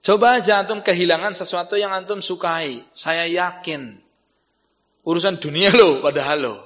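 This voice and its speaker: A man giving a religious lecture as preacher, telling stories and swinging between low, muttered asides and loud exhortation. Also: normal speed. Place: mosque hall. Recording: dull, reverberant mosque hall recording.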